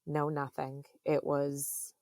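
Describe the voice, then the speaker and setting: A woman in her thirties, a podcast guest, telling a personal story in a halting, earnest way with many fillers. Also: low-pitched, completely flat delivery, a little mellow, no room sound, clean studio sound.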